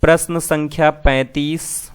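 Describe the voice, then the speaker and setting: Slow, clear-voiced male teacher. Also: a little high, flat delivery, no room sound. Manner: slow and drawn-out, asks questions then answers them. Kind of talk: exam-prep lesson.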